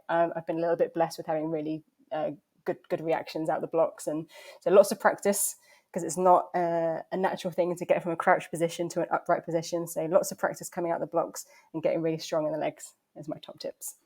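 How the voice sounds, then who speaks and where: Here is a woman with a low, easygoing speaking voice, talking through her answers as a podcast guest. She is casual and quick to laugh, and she often stops and restarts mid-sentence. She sounds like a young adult. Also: level tone, darkish tone. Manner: chatty, laughs easily, with halting restarts. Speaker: podcast guest, transplant athlete.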